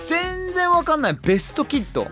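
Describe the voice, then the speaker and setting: A woman hosting a casual podcast, energetic and exclamatory, poking fun at herself. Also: very high voice, moderate pace, over music. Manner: energetic, exclamatory, self-mocking. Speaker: podcast host.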